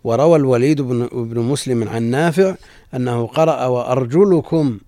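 A man teaching as a sheikh, reading out a classical text and explaining it in a measured way, often repeating lines for emphasis. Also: medium pitch, mellow, dry recording, studio quality.

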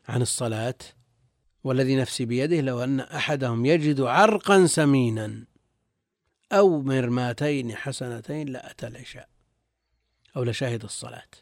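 A male religious scholar, appearing as a guest teacher, reads and explains texts in formal classical Arabic, repeating phrases as he goes. His mid-range voice moves a little fast, and the studio recording is clean with no echo.

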